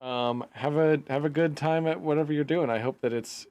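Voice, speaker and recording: A man's voice: a little high, normal speed, darkish tone, smooth, muffled recording. A man co-hosting a podcast and stream, talking loosely and hesitantly with many restarts. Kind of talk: casual chat.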